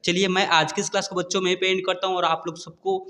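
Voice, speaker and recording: A man with a fairly high voice leads a slow reading lesson, sounding out each word letter by letter before joining it up. His voice hangs in a long, echoing reverb. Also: little pitch movement, bright, forceful tone. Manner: spells words out letter by letter, repeating "ठीक है". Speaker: Hindi teacher.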